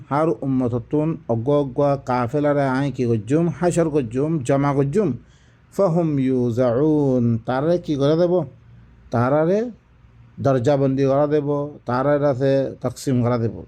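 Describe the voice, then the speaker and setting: A Quran teacher recites verses and then explains them in a didactic religious lesson, using repeated phrases and rhetorical questions. His voice is fairly high-pitched with a dark tone.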